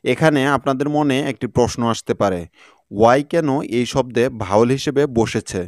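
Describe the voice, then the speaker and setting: A man teaching English pronunciation in a video lesson, spelling words out slowly and carefully syllable by syllable. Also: medium pitch, no room sound, clean studio sound.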